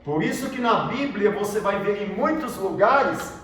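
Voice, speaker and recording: A man's voice: high voice, animated, normal speed, fairly bright tone. A Brazilian man, a pastor, teaching a Bible class and quizzing his students, often repeating their answers back to them. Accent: Brazilian Portuguese. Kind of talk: classroom theology lesson. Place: large echoey room with students, from far off. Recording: echoey room, voice from far off, faint noise.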